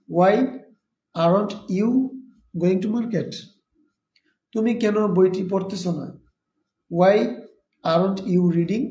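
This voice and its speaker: A man's voice: high-pitched, mellow, reverberant. A man teaching a live online spoken English lesson, explaining step by step and repeating example sentences.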